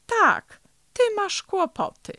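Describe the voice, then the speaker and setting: A woman's voice: extremely high pitch, wildly swooping pitch, slow, sharp tone, no room sound, studio quality, pitched above the performer's own voice, heavily acted. A woman voicing a small, worried boy turtle who talks in an anxious, plaintive way in a storybook reading. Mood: surprised.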